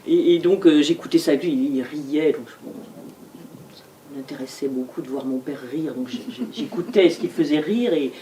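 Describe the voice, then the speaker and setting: A woman speaking at a bookshop author talk, halting, with frequent fillers and repeated words. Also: low voice, dark tone. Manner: hesitant, frequent fillers and repetitions. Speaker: novelist guest at a bookshop talk. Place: bookshop event. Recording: distant mic, faint room noise.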